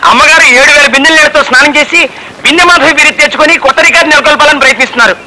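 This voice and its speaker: A rapid-talking, deferential servant. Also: male voice, very high-pitched. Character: deferential servant reporting household mischief. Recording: film audio with loud background noise.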